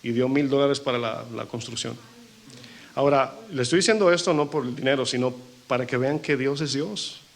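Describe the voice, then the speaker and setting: A man's voice: mid-range voice, moderate pace, creaky. A male pastor preaching a sermon to his congregation and acting out the people he quotes. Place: church.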